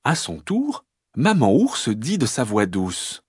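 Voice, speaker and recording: A man reading a children's story aloud in an expressive, lilting storyteller's voice. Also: mid-range voice, takes it slowly, slightly rough, dry recording, studio quality.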